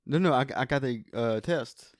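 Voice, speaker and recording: A man's voice: mid-range voice, moderate pace, dry recording, studio quality. Joking American man, casual podcast chat. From United States. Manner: joking, laughs often, swears casually. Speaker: podcast co-host. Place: hot indoor room.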